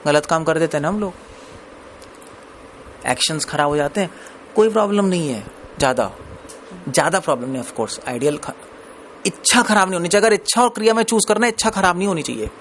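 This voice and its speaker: A man's voice: fairly high pitch, expressive, a little fast, long pauses, fairly bright tone, a little hiss or hum. A man preaching a scripture discourse in a conversational way, mixing in English words and laughing between points.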